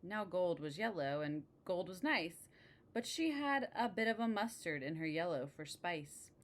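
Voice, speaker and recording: A woman's voice: fairly low pitch, very animated, a little slow. A woman reading a picture book aloud expressively, adding casual asides about the pictures.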